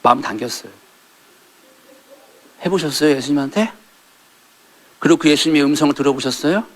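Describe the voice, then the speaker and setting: A middle-aged male pastor preaching a sermon in a church, acting out quoted lines and rising to loud peaks. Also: fairly high pitch, a little fast. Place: church sanctuary.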